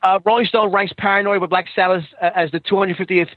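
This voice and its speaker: A man co-hosting a podcast who calls in over a poor phone line that sounds like a payphone, asking deadpan questions and repeating his host's name before each one. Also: high-pitched, fast, no echo. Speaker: podcast co-host. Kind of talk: deadpan running gag chat. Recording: dull lo-fi phone call.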